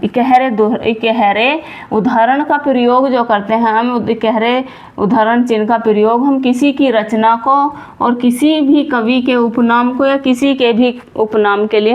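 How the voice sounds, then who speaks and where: Woman, young adult, grammar teacher, fairly high voice, repeats and rephrases, asks then answers herself. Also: muffled recording. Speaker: Hindi teacher. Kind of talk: classroom-style grammar lesson.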